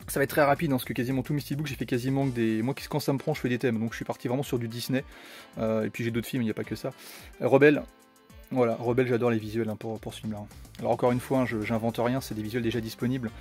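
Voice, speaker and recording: A man's voice: medium pitch, fairly even intonation, racing, a little mellow, faint music behind. Chatty man showing his collection. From France. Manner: chatty, rambling with many fillers and restarts. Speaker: steelbook collector vlogger. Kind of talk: casual collection showcase.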